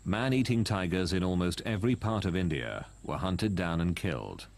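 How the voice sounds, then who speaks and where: A man reading scripted nature documentary narration in a dramatic, measured way. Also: deep voice, animated, gravelly, darkish tone.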